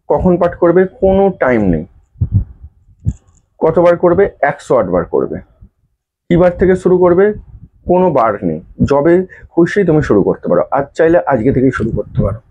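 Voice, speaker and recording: Earnest man, mellow lo-fi voice. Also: mid-range voice. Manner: earnest, repetitive, addresses viewers as "you". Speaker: astrologer giving remedies. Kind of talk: direct-to-camera advice talk.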